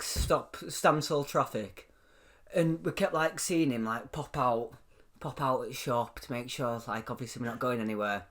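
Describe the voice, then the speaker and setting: Animated young man. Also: fairly high pitch. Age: 20s. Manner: animated, laughs often, swears casually. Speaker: podcast co-host. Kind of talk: casual chat, storytelling.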